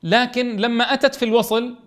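A man teaches a class of Quran teachers, speaking in a fairly high voice. He reads a passage aloud, breaks it down, and keeps asking whether the students follow. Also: fairly even intonation, fairly quick, a bit bright. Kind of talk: classroom lesson explaining a grammar text.

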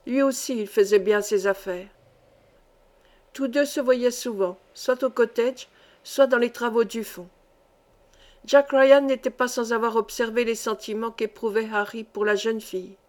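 A woman's voice: a little high, fairly even intonation, a little slow, a little mellow. Woman narrating a classic novel. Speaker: audiobook reader.

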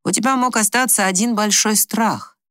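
A woman's voice: medium pitch, moderate pace, a bit bright, dry recording, close to an everyday voice. A woman reading an audiobook, voicing a dry-joking male doctor husband who talks to his wife steadily and reassuringly. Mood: tender, earnest. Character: wry, teasing male doctor husband, patient and calm.

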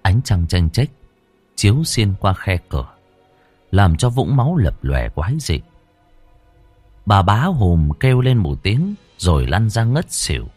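Brief: deep-voiced man reading a horror tale with lively, swinging delivery. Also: unhurried, long pauses, dry recording, faint music behind. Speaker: storyteller. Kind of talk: scripted horror story narration.

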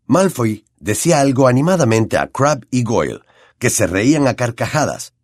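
An expressive male narrator with a Latin American Spanish accent reads an audiobook at normal speed. His voice is mid-pitched and moves in a lively, swinging melody. The close, dry recording has no room sound and no echo.

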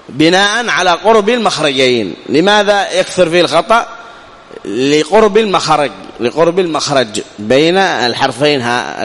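High-voiced man teaching recitation. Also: a bit bright, long reverb tail. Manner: explains step by step, asks questions and answers them himself; recites examples slowly and drawn out. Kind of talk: tajweed lesson.

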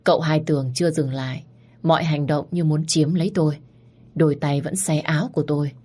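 A woman narrating a first-person story in a steady, dramatic way. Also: sits low, brisk, slightly rough.

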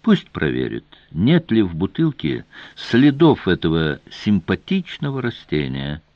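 A man voicing a shrewd male royal guardian who speaks with measured, elaborate politeness, in a dry, slightly dull audiobook recording. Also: sits low, huge pitch swings, no room sound, pitched below the performer's own voice, exaggerated voice. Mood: warning.

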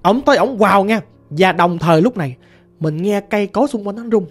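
A woman telling a ghost story in a lively, vivid way with a Southern Vietnamese accent. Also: medium pitch, a little fast, husky. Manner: lively, vivid, sound-effect words.

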